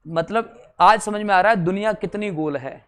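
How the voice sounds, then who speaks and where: A man's voice: high voice, moderate pace, a bit bright. A male teacher giving an exam-prep grammar lesson, drilling syllables in chanted rows, joking along the way and repeating "theek hai" often.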